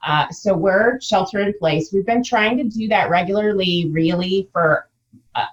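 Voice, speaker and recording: A woman's voice: medium pitch, moderate pace, lo-fi sound. A middle-aged woman answering casually as a business owner being interviewed.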